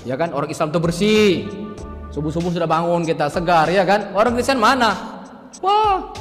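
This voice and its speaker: A man giving a religious lecture to an audience, asking rhetorical questions and addressing them as ladies and gentlemen. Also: sits high, big-room sound. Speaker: preacher.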